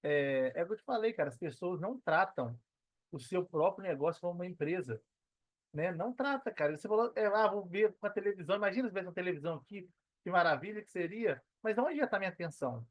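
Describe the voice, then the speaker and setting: On dull audio without room sound, a man speaks fast in a high, expressive voice. He is a Brazilian podcast guest who works as a digital entrepreneur, and his relaxed, slang-filled interview talk is earnest, emphatic, and marked by repeated phrases.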